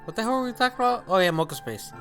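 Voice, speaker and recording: A young man co-hosting a let's play, cracking dry, deadpan jokes in casual chat. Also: sits high, rapid-fire, vocal fry, soft background music.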